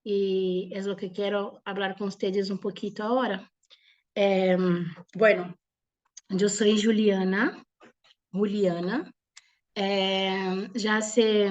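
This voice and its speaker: A Brazilian woman in her forties, a native Portuguese speaker, gives an informal religious testimony in a halting mix of Portuguese and Spanish. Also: medium pitch, fairly even intonation, darkish tone, highs cut off. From southern Brazil. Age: 40s. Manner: hesitant, halting, with frequent pauses. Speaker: speaker giving a personal testimony.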